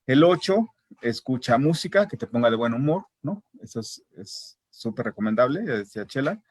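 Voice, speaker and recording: A man with a mid-pitched voice speaks as a parent on a discussion panel. He works through a list of points, pausing on fillers. The sound is dry and close to the mic. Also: lively intonation, a little mellow, breathy edge, no echo. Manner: hesitant, many fillers and tag questions. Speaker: parent guest. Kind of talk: casual panel chat.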